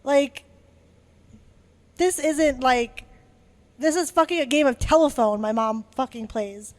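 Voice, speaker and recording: A woman's voice: sits high, slow, a little mellow. A young woman co-hosting a casual podcast, venting in a frustrated, rambling way, swearing freely and circling back with restarts. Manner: many fillers and restarts. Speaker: podcast co-host.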